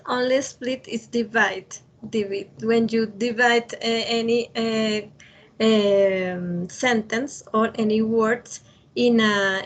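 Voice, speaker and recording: A woman teaching an English grammar class over a video call, speaking haltingly with many fillers and restarts. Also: on the high side, fairly bright tone, poor audio. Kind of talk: online class lecture.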